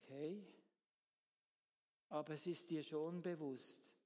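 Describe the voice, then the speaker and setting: A man voicing a thoughtful pig in a sermon story, speaking slowly and wryly. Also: fairly high pitch, fairly even intonation, darkish tone, big-room sound. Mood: pensive.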